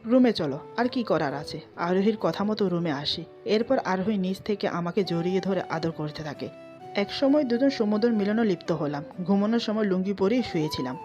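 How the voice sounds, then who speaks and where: Brief: female storyteller, steady scripted narration, soft background music, a bit muffled. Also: mid-range voice, fairly quick. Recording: slightly dull, soft music behind.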